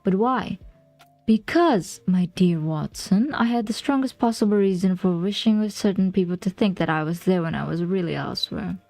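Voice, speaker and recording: A shrewd, composed male detective from a classic storybook, laying out his reasoning in a soft, mellow tone, as a woman reads his lines. Faint music plays behind him. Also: medium pitch, normal speed, no echo, lightly acted, poor audio. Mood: explaining. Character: clever calm male detective, adult.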